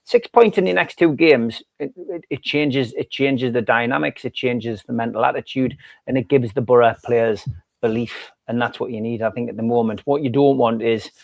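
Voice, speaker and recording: Halting North East English man. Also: medium pitch, gravelly, no room sound. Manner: hesitant, lots of restarts and you knows. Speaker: podcast co-host. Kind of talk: casual football chat.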